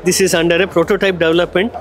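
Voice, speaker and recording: A man's voice: high voice, little pitch movement, very fast, faint music behind, some chatter behind. A middle-aged man with an Indian English accent, confidently explaining his company's products on a handheld mic at a trade show booth. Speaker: company executive. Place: busy exhibition hall booth. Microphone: handheld microphone.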